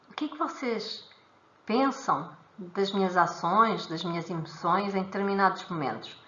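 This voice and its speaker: A woman's voice: medium pitch, sharp tone, reverberant, lo-fi sound. A woman with a European Portuguese accent teaching a live stream on emotions, explaining step by step, repeating words and acting out little dialogues. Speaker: emotional freedom technique teacher.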